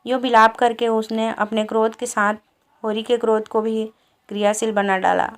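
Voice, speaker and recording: A woman narrates a classic novel as an audiobook. Her reading is measured and even, with little rise and fall. Her voice sits fairly high.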